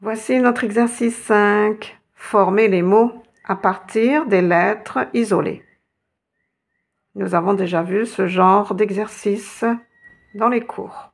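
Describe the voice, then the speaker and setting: A woman's voice: mid-range voice, slow, gravelly. A woman teaching a lesson, patiently guiding learners step by step and spelling out letters. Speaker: Arabic teacher.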